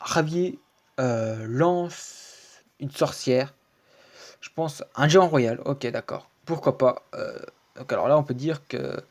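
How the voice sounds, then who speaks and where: A man hosting his own gaming channel, chatting through a recorded match in casual, rambling commentary full of fillers, restarts and repeated stock phrases. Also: medium pitch. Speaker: video game channel host. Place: home screen recording, voice-over.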